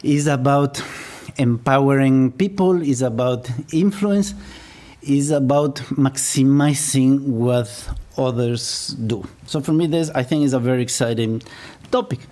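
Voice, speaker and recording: In a public lecture, a middle-aged business professor from Ecuador talks at an unhurried pace in a mellow, medium-pitched voice. He is a native Spanish speaker with an Ecuadorian accent. He jokes at his own expense and laughs along with himself.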